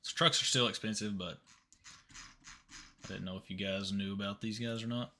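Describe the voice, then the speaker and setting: A man's voice: on the low side, normal speed. Chatty young man on a live stream. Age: 20s. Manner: chatty, asks viewers questions, relaxed. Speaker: livestream host. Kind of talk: casual live stream chat.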